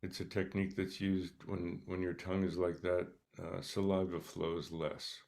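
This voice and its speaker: A man leading a guided meditation, speaking softly and calmly with long pauses between short instructions. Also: deep voice, vocal fry. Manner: slow, calm, soft-spoken instructions with pauses. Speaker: meditation teacher.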